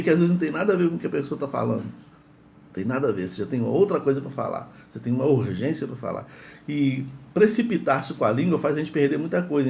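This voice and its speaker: A man's voice: on the high side, gravelly, dull audio. A man giving a morning devotional sermon in a conversational way, often repeating words and checking in with "entende?". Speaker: preacher.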